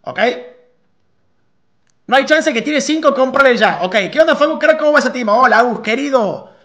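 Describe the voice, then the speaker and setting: A man's voice: very high-pitched, animated, moderate pace, a bit bright. A young man with an Argentine accent streaming live, chatting with his viewers and reading their messages aloud in a slangy, chummy way. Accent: Argentine Spanish. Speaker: slots streamer. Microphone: new microphone.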